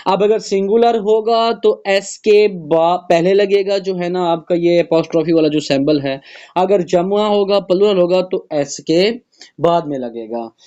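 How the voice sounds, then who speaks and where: A male teacher works through a class exercise, spelling words out letter by letter and answering his own questions. He talks very slowly in a slightly high voice. The recording is dull and lo-fi. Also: warm tone. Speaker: English teacher.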